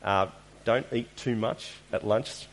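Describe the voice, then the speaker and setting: A man's voice: fairly low pitch, steady tone, slow pace, slight background noise, rough recording. A man preaching an informal, conversational sermon, earnest and plain-spoken, often putting questions to his listeners. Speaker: preacher giving a Christmas church sermon.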